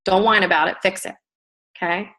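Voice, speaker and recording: A middle-aged woman coaching a group on a call, giving an energetic tough-love motivational talk. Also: mid-range voice, a little fast. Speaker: business coach.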